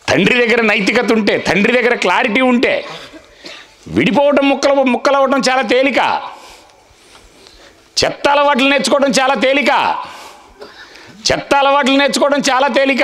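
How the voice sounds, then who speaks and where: A man's voice: very high-pitched, fairly bright tone. A man giving a fiery, repetitive speech at a village meeting, calling on the crowd to answer him. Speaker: public speaker.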